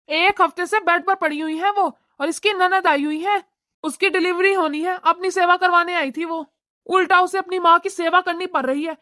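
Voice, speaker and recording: This is a scolding cartoon father, voiced by a woman. He lectures his wife and daughter in a very high, bright voice. The sound is dry and close to the mic. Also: no echo. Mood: stern. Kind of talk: cartoon voice acting.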